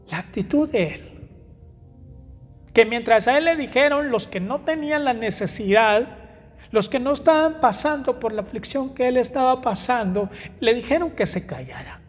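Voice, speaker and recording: Preacher in a reverberant church. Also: male voice, lively intonation, moderate pace. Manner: emphatic, swinging between raised exclamations and soft low asides; hesitant fillers and self-corrections while finding verses. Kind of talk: sermon. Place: church hall. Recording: reverberant church hall with music behind.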